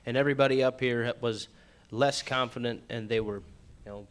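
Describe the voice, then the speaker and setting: A man's voice: medium pitch, fairly even intonation, a little fast. A young man answering questions casually and politely in front of a group. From upper Midwest United States. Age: young adult. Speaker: auctioneer school student.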